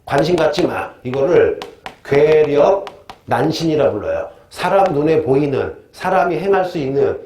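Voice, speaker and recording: A man's voice: on the high side, animated, normal speed, dark tone, close to an everyday voice. A man voicing an ancient male sage who bluntly and angrily scolds his pupil, heard in an echoey room. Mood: angry scolding. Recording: echoey room, faint noise.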